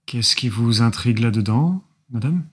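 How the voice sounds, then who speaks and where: A man voicing a formal, reserved middle-aged businessman in a slightly husky voice. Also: medium pitch, lively intonation, normal speed. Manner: formal and courteous.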